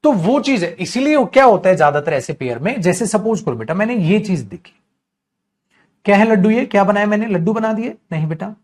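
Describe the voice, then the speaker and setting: High-voiced guy teaching grammar in an online class, keeps repeating terms, calls kids beta. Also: lively intonation, a little fast. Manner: acts out students and mummy in little scenes. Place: streaming class, checking live comments.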